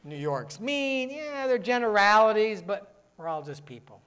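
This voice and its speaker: A man from the northern United States preaching a sermon as pastor, talking fast and mixing in joking asides. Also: high-pitched, lively intonation, fairly bright tone, clean tone.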